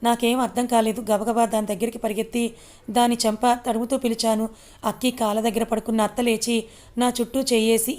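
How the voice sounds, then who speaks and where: High, even-toned woman reading a story. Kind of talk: first-person audio story narration with voiced dialogue.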